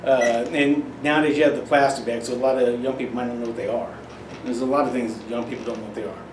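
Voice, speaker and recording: A man's voice: mid-range voice, fairly even intonation, fast. A middle-aged man giving parents casual, folksy tips on teaching children numbers, often restarting his phrases. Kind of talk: casual instructional demonstration. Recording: roomy echo, off-mic, faint hiss.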